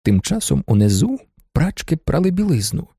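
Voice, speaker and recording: A man's voice: on the high side, very animated, normal speed, creaky, dark tone, breathy edge, no echo, studio quality. A man narrating a novel as an audiobook, telling the story expressively. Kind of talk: scripted narration.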